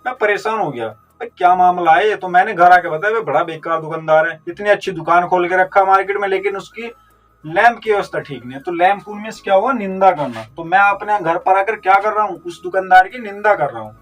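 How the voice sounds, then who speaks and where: A man's voice: high-pitched, fairly quick, fairly bright tone. A man teaching a vocabulary lesson, explaining step by step with memory tricks and answering his own questions. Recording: distant mic with faint music.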